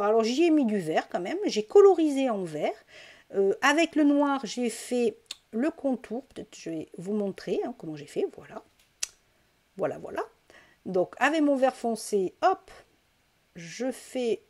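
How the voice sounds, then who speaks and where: A woman's voice: a little high, sing-song, normal speed, darkish tone. Female craft tutorial host, casual and chatty, hesitant with frequent fillers, close desk-mic sound. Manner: chatty, hesitant, many fillers and self-corrections. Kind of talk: casual step-by-step craft demonstration.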